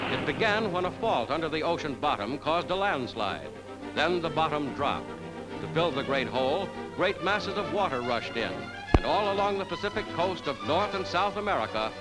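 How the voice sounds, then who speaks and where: A man's voice: a little high, poor audio. A man narrating an old 1940s newsreel in a dramatic, emphatic announcer style. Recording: newsreel narration over loud music.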